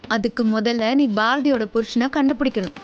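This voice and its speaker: Woman doing a scolding suspicious wife, high voice, kinda dull muffled sound. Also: steady tone, moderate pace, slight background noise, lightly acted. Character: sharp-tongued, suspicious wife. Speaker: actress in a TV serial. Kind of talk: TV serial acting.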